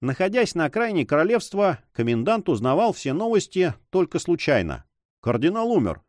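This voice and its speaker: A man's voice: sits high, very animated, fairly quick, a little mellow, no room sound. Male audiobook narrator, dry sound. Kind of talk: scripted narration.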